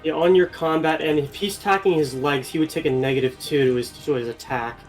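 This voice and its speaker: A man's voice: a little high, steady tone, quick pace, soft background music, low-quality recording. A man playing a tabletop game, precise and firm when he corrects the rules. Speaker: player. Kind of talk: casual tabletop game play.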